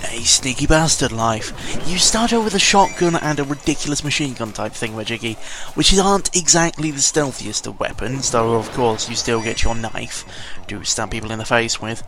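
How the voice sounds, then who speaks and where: Over background music, a British gaming vlogger delivers rambling, casual commentary on a game at a moderate pace with few pauses. His voice is medium in pitch, and he's digressive and sweary, frequently correcting himself along the way.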